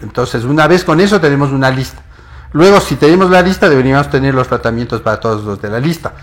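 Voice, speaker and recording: A man's voice: medium pitch, animated, fast. A man appearing as a geneticist guest on a TV interview, giving earnest, step-by-step explanations.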